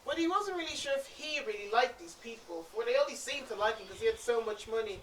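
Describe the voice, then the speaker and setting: Gentle woman storyteller, echoey room. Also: on the high side, animated, fast talker. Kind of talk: expressive storytelling. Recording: roomy, distant, faint noise.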